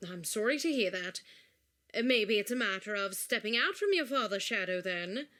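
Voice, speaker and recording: An actress playing a brisk, scheming mother who puts on a fake British accent in a comedic audio drama. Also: medium pitch, animated, sharp tone. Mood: fake posh. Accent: put-on British. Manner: brisk, breezy and impatient.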